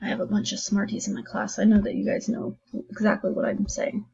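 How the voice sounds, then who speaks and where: Woman math teacher, recorded online lesson: gravelly, husky voice, chatty and encouraging, dull lo-fi recording. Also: medium pitch, completely flat delivery, brisk, mellow. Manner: chatty, encouraging, thinks aloud while writing.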